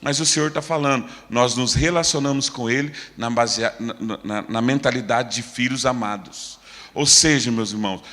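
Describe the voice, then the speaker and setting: A Brazilian man preaching a sermon with fervor, swinging between loud declarations and quiet, low asides. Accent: Brazilian Portuguese. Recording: echoey church hall.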